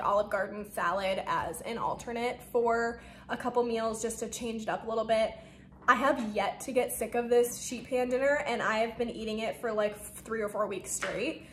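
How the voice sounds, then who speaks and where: A woman's voice: fairly high pitch, fairly bright tone. Young female home vlogger, casual and rambling, a little out of breath, recorded in an echoey room. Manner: chatty, rambling, lots of "like" and "um". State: a bit out of breath. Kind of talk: casual talk-through of meal prep. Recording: echoey room with faint noise.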